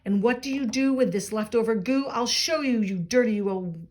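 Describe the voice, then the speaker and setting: A woman's voice: on the high side, moderate pace, a little mellow, close to an everyday voice. A woman voicing an indignant creature who guards the trees, scolding in emphatic rhyme from a storybook.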